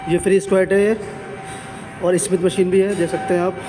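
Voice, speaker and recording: A man's voice: sits high, flat delivery, a little fast, music in the background. A man giving a walking tour of a busy gym, plainly pointing things out and repeating himself as he goes. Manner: plain, repetitive guiding, points things out as he walks. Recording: noisy gym background.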